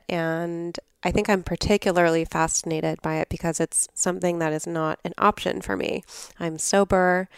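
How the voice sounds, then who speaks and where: A woman hosting a podcast speaks in a raspy, somewhat low voice with a nasal, sick-with-a-cold sound. She chats casually and wanders off on asides, recorded close and dry. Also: dry recording. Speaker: podcast host. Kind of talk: casual podcast intro monologue.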